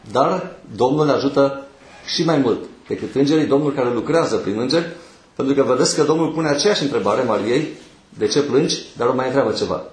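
A man delivers a sermon in a church, taking his points one by one with pauses between phrases. His voice sits at a middle pitch. The room around him rings with a noticeable echo. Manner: measured, teaching through numbered points with pauses. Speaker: preacher.

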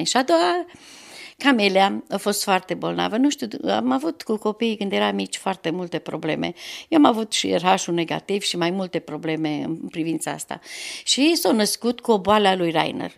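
Devout woman in her 60s, gravelly texture, earnest interview testimony. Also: mid-range voice. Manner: earnest, devout storyteller with rising emotional peaks. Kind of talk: emotional personal testimony.

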